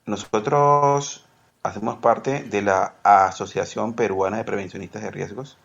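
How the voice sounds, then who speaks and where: A man's voice: on the low side, fairly even intonation, unhurried, vocal fry, lo-fi sound. A man from Peru, a podcast guest who rambles, corrects himself and laughs easily. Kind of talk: casual podcast interview.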